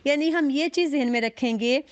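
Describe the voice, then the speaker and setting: A woman with a fairly high voice teaches a recitation class. She is patient and methodical, and she draws each example out slowly. The recording is close and dry. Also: dry recording. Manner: patient, explains step by step and drawls out the recited examples. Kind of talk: online class lecture.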